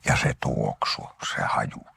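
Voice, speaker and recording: An older man from Finland, an actor giving an interview, telling anecdotes about his life and often sinking into a breathy half-whisper. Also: pushed and bright, no room sound, studio quality. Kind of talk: reminiscing interview talk.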